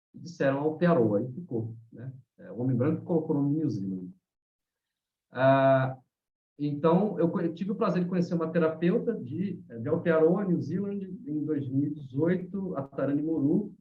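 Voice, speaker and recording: A man with a Brazilian Portuguese accent, teaching about haka in a live online talk, animated and storytelling, often ending phrases with a questioning tag. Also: mid-range voice. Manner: animated storyteller, many "né?" tags. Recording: roomy, dull lo-fi sound.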